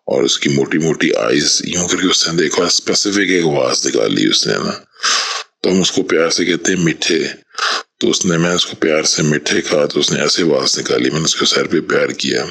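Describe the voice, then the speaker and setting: A man's voice: a bass voice, creaky, fairly bright tone, husky. A man earnestly telling a personal story in a voice message, mixing in English words. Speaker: caller sharing a personal story. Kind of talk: voice message, emotional testimony.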